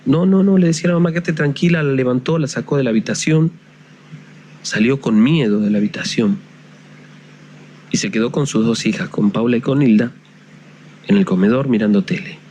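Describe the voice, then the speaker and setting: A man's voice: medium pitch, normal speed, long pauses, dark tone, dull audio, a little hiss or hum. Man telling a ghost story.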